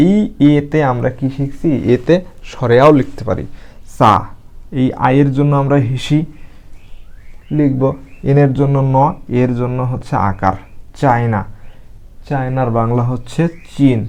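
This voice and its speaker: A man teaching English reading, explaining spelling and pronunciation slowly, spelling words out letter by letter. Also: mid-range voice, vocal fry, dark tone.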